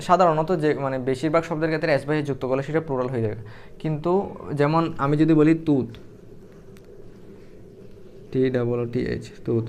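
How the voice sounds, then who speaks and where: A man's voice: on the high side, slight background noise. A young man teaching Arabic grammar in a casual, explanatory way, thinking aloud with fillers and restarts as he writes.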